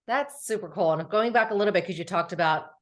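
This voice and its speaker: A woman's voice: mid-range voice, fast talker. A woman hosting a casual interview, asking questions and chiming in with eager, encouraging remarks. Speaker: interview host.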